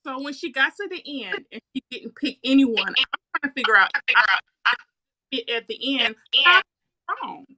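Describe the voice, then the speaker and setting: A woman's voice: high voice, animated, unhurried, pushed and bright. A woman co-hosting a casual podcast, asking questions and pushing back on her partner's views. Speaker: podcast co-host. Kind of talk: casual debate chat.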